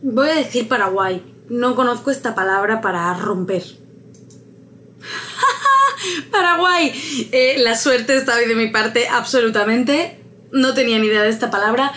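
A woman's voice: on the high side, a little hiss or hum. A woman vlogger thinking aloud as she takes a quiz, hesitant and musing, laughing at her own luck.

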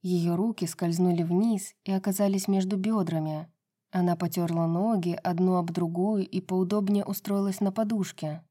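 Woman, audiobook narrator, low voice, mellow tone, even delivery. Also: normal speed. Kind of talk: scripted narration of a romance novel.

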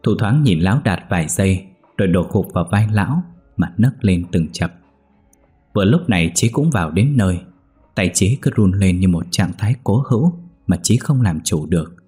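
A man narrating a ghost story in a steady, measured way. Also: sits low, slightly rough, soft background music.

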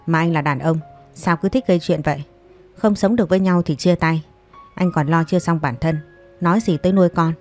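A man's voice: on the high side, brisk, faint music behind, natural voice. A woman voicing a cold, composed young man who speaks with icy firmness, in a storybook reading. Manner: icy, firm.

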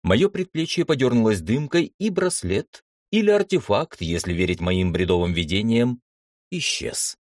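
Deep, lively male audiobook narrator. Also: moderate pace, dry recording, clean studio sound. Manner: expressive storytelling. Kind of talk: first-person audiobook narration.

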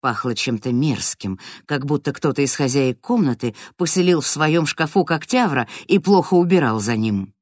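Woman, low voice, expressive range, dry close sound, audiobook narration. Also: moderate pace, few pauses, no room sound.

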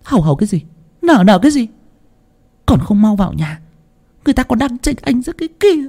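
Man doing a shrill, scolding old village woman. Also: sing-song, a little fast, heavily acted. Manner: scolding, sharp, high-pitched.

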